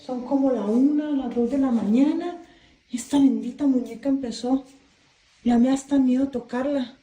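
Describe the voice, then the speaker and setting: A woman's voice: high-pitched, dark tone, reverberant, poor audio. A nervous woman filming on her phone in her bedroom at night, anxiously repeating herself and asking who is there. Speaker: homeowner filming a haunting. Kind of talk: frightened phone-video commentary. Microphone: phone camera.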